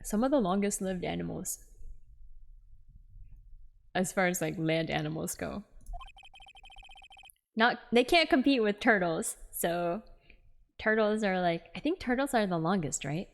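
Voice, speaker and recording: A woman's voice: mid-range voice, animated, unhurried, vocal fry, long pauses. A woman live-streaming a game, chatting with viewers in a playful, giggly way. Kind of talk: live stream chat with game dialogue read aloud.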